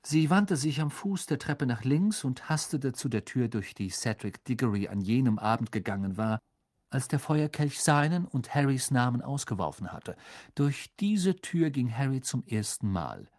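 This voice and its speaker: Lively male audiobook narrator. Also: medium pitch, moderate pace. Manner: lively, expressive storytelling.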